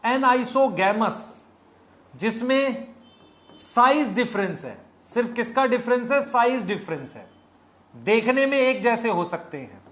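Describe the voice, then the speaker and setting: A man's voice: extremely high pitch, sing-song, a little slow, a bit bright. A man teaching biology in a live online lecture in speech, repeating key points and quizzing his students.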